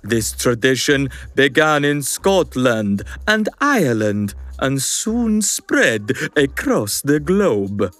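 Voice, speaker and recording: A man's voice: medium pitch, very animated, takes it slowly, few pauses, a bit bright, no echo. A man playing a theatrical, gleeful vampire count with a put-on Transylvanian accent for a children's quiz show. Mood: hammy, gloating. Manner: dramatic, with gloating laughs. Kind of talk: kids' quiz show sketch.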